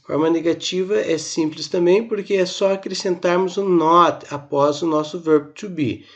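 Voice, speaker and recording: A man teaching a recorded grammar lesson, slowly explaining step by step and drilling examples, from Brazil. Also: on the high side, steady tone. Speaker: English teacher.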